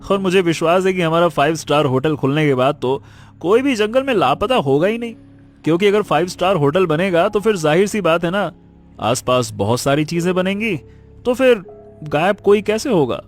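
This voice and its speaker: A man's voice: high voice, lively intonation, moderate pace, faint music behind. A man playing an easygoing, joking young friend in a Hindi audio drama, with a playful way of talking. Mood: jovial. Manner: playful, laughs while talking.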